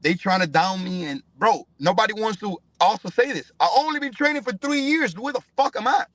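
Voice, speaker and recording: In a high, fairly quick, slightly bright voice with no room sound, a young professional fighter from Cuba gives a podcast interview. He's emphatic, slangy and profane, repeatedly dropping "bro" and "you know what I'm saying."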